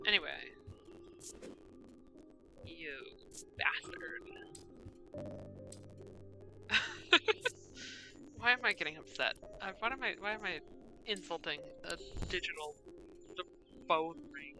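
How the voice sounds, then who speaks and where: A woman's voice: on the low side, a little fast, over music, poor audio. A woman streamer giving casual commentary while she plays a game, muttering to herself and breaking into exasperated cursing.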